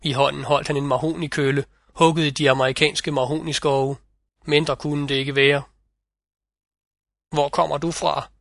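Bright-voiced male fairy-tale narrator. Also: fairly high pitch, level tone, no room sound. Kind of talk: audiobook fairy-tale reading.

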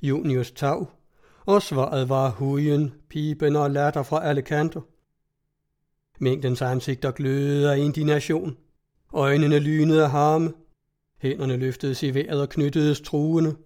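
A male narrator reading a story aloud in a measured, formal way. His voice sits a little high, with a mellow, soft tone. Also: level tone. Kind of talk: audiobook narration.

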